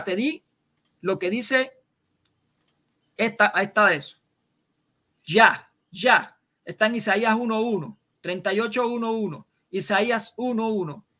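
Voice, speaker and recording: Una voz con acento caribeño en pleno debate religioso por videollamada. Insiste sin pausa, repite cada punto varias veces y encadena preguntas retóricas. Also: mid-range voice, bright, forceful tone. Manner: insistent, repeats points and fires rhetorical questions.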